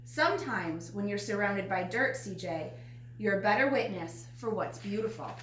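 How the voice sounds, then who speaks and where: A woman's voice: mid-range voice, animated, moderate pace, a bit bright, close to an everyday voice. A woman reading a storybook, playing a wise, upbeat grandmother with a folksy, chiding yet encouraging manner. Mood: gentle, wise. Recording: roomy echo, faint noise.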